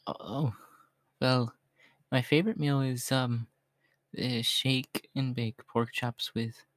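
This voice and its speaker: ASMR role-play: male actor as a homeless young cat-boy, shy and hopeful, mid-pitched, polite, hesitant, very dry sound. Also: no echo, natural voice. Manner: hesitant, halting, softly polite.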